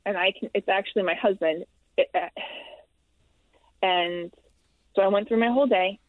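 A woman's voice: medium pitch, no echo. Woman on a tinny phone-like line. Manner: halting, repeats herself, laughs between hard parts. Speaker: guest telling her story. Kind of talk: emotional personal account. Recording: tinny, dry phone-like sound.

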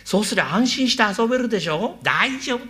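Guy doing a chatty show-off from old edo, bright lively voice. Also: a little fast. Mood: boastful. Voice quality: fawning and boastful, swings in pitch. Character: chatty, boastful male hanger-on who mimics voices. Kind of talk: rakugo storytelling.

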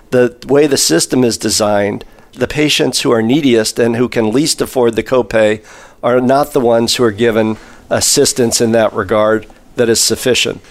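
Man on a panel, mid-pitched voice, rambles a bit with lots of "uh" pauses, sorting his thoughts out loud. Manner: discursive, thinking aloud with many pauses. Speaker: industry executive panelist. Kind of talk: panel interview.

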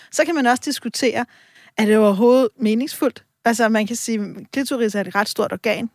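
A woman's voice: mid-range voice, no echo, clean studio sound. A woman guest on a radio talk show, explaining reflectively and giving examples. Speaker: sexologist guest.

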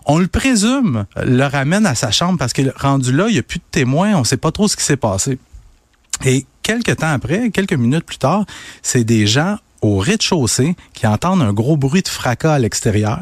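A man with a Québécois accent, co-hosting a radio talk show and retelling a news story in an animated, chatty way. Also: medium pitch, no room sound. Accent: Québécois French. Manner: animated storytelling, quick asides. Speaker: radio co-host. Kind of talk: casual news chat.

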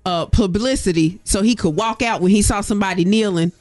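A woman co-hosting a morning radio show, teasing and quick to laugh. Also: medium pitch, music in the background. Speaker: radio co-host. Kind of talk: casual morning radio banter.

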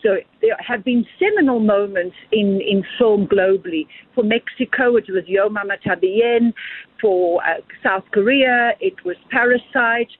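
A South African woman filmmaker answers interview questions at length over a tinny, dry phone line, with no echo. Her mid-range voice is unhurried with a breathy edge, and she comes across as earnest and expansive, often repeating words as she thinks.

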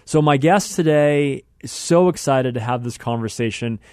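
An American man hosts a radio talk show, introducing it and interviewing guests in a conversational, effusive way and repeating phrases for emphasis. His voice is medium-pitched, dark-toned and smooth, at a normal pace. The studio recording is clean, with no room sound.

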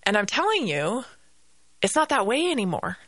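A woman's voice: a little high, sing-song, normal speed, fairly bright tone, dry recording. A Canadian-accented woman hosting a radio podcast, delivering an indignant opinion monologue and repeating phrases for emphasis.

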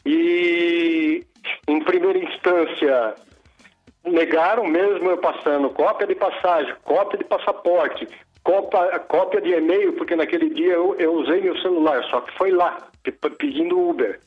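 A man's voice: fairly high pitch, unhurried. A male caller heard over the phone on a radio show, telling his complaint hesitantly and stammering over his words. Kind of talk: casual call-in complaint. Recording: dull phone-line sound on a radio show.

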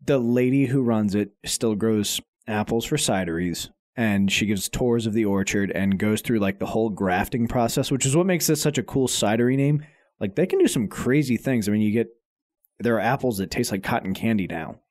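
A man co-hosting a podcast explains things in a relaxed, easygoing way, tripping over a word now and then. His voice sits a bit low, and it sounds dry, with no room echo. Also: moderate pace. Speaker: podcast co-host. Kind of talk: casual chat.

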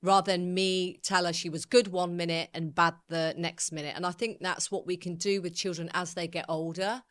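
A woman's voice: fairly low pitch, moderate pace, hardly any pauses. A middle-aged woman coach from the UK, chatting candidly as a guest and acting out the voices in her stories. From United Kingdom. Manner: animated, acts out quoted voices, laughs often. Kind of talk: candid conversational storytelling.

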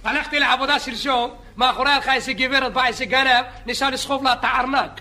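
A man playing a boastful, chatty beach lifeguard who rambles, jokes and yells at bathers in a comedy sketch. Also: very high voice, steady tone, heavily acted. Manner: rambling, joking, shouting at bathers. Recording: live audience laughter and noise. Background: audience laughing.

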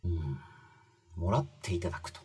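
A man's voice: low-pitched, normal speed, mellow, husky. A man talking casually through a book's lessons, chatty and full of fillers, stressing key phrases. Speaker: commentator explaining a book. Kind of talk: casual spoken explainer.

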